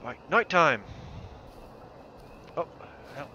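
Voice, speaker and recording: High, lively man streaming a game. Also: drawn-out words, lo-fi sound, background noise. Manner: animated, joking, sings and mimics lines. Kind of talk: live gameplay commentary. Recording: game music under the voice. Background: game music.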